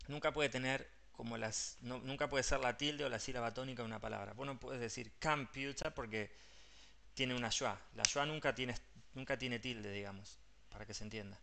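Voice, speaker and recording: Gravelly Rioplatense teacher explaining patiently. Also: male voice, medium pitch, pushed and bright. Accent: Rioplatense Spanish. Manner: patient, explains step by step, mixes English terms into Spanish. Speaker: English teacher.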